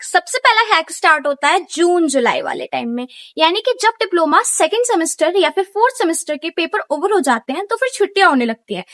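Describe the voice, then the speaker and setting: A woman's voice: very high voice, fairly bright tone, no echo. A young woman, a student vlogger talking chattily and directly to her viewers as she gives advice. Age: young adult. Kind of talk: casual advice vlog.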